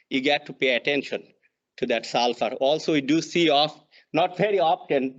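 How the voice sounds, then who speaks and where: A man from Bangladesh with a Bangladeshi accent delivers an extension lesson over slides, pausing often on fillers and restarting phrases. His voice sits fairly high for a man. The audio is dull and lo-fi, as from an online meeting. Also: fairly bright tone. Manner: halting, frequent uh fillers and restarts. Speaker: extension soil fertility specialist.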